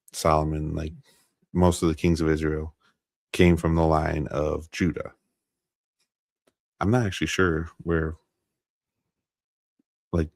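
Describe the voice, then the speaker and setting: An American man with a deep, even voice walks through a Bible passage for his stream. He pauses on fillers, restarts, and second-guesses how names are said. The sound is close and dead, with no room around it. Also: gravelly, no room sound. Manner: halting, many fillers and restarts, unsure of pronunciations. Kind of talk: casual Bible teaching and scripture reading.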